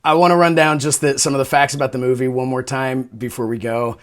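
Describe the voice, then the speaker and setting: A man's voice: mid-range voice, flat delivery, a little fast. A man hosting a show and interviewing a guest, earnest and hesitant, with fillers as he asks questions. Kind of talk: interview and scripted show outro.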